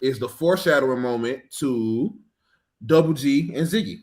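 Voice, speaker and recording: A man's voice: medium pitch, moderate pace, a little mellow. A man co-hosting a TV recap podcast in casual chat, enthusiastic and repeating words for emphasis. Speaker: podcast co-host.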